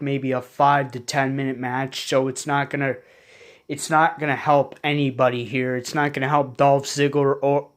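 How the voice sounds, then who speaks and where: A young man chatting casually in a late-night home vlog, rambling and restarting his sentences often. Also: mid-range voice. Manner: rambling, repeats himself, frequent restarts. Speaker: vlogger.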